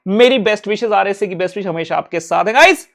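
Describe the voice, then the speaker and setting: A man's voice: high-pitched, expressive, quick pace, creaky, a bit bright. Blunt, urgent male exam coach. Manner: blunt and urgent, mixing Hindi with English. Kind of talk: motivational talk to students.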